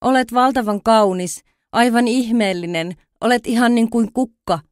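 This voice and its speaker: A woman's voice: fairly high pitch, no echo, studio quality, voice pushed up, close to an everyday voice. A woman voicing a small, curious male fawn who exclaims with wonder in a storybook reading.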